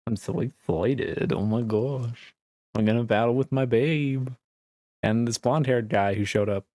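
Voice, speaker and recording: A man's voice: medium pitch, unhurried, warm tone, dry recording, clean studio sound. A man giving casual, jokey, irreverent gameplay commentary. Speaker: gamer playing on camera or stream. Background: game music.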